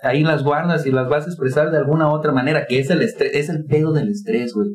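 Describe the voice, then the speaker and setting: A man's voice: on the high side, fast. A young Mexican man speaking casual chat as a podcast co-host, slangy and laughing often. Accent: Mexican Spanish. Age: young adult.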